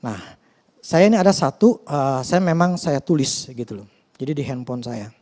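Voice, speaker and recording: Mellow-voiced pastor preaching. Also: male voice, mid-range voice, lively intonation, moderate pace. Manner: conversational, hesitant with many fillers and restarts; earnest, confessional. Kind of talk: sermon.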